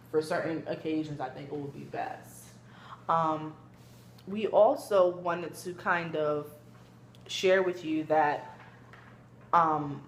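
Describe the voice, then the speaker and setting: Woman playing a low-voiced, gentle, hesitant therapist, echoey room. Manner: hesitant, hedging with frequent kinda and you know. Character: gentle female therapist leading a family session. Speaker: student clinician in a role play. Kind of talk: amateur therapy role-play, conversational explaining. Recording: echoey room with background noise.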